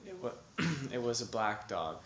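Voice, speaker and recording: A man speaks slowly and carefully, picking simple words and filling gaps with ums. His mid-range voice rings in a roomy, echoing space. A faint hiss sits under the recording. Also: medium pitch, sing-song, a bit bright. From Canada. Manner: slow, careful and hesitant, with many ums. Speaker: singer answering questions. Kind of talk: slow, simple interview answers. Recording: echoey room with faint noise.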